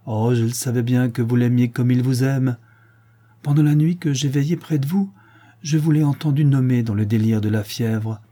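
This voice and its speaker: A man voicing an old peasant woman, a devoted nurse who speaks gently and earnestly. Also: medium pitch, steady tone, moderate pace, husky, lightly acted. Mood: tender.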